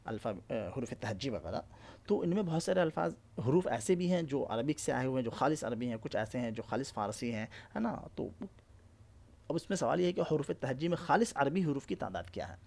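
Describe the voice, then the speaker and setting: A male teacher walks through an exam-prep lesson at an unhurried pace. He spells out letters one at a time and keeps pausing to make sure his listeners follow. His voice is gravelly, and his pitch rises and falls a lot. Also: lively intonation, darkish tone. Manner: explains slowly, checks often with tag questions.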